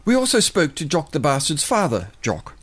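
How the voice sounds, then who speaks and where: Comedy sketch reporter voiced by a man, lively in pitch, slightly high. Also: moderate pace, slight background noise. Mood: earnest. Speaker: mock documentary reporter. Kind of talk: scripted mock narration.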